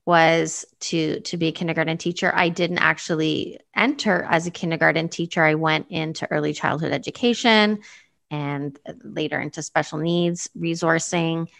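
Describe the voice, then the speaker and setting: A woman's voice: low voice, moderate pace, creaky, a bit bright. A woman in her fifties, answering interview questions thoughtfully and with some hesitation. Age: 50s. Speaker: guest.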